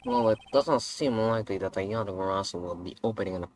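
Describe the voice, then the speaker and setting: A woman voicing a formal, weary adult male prosecutor in a video game, speaking in a dry, measured way. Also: a bass voice, darkish tone, a little hiss or hum. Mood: doubtful.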